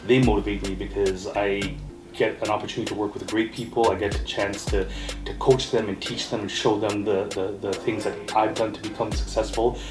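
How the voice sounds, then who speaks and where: With music playing in an echoey room, an interview guest who owns a mortgage brokerage rambles earnestly, sprinkling in "you know" and "right?". He was born in Trinidad, moved to Canada at eight, and speaks on the low side.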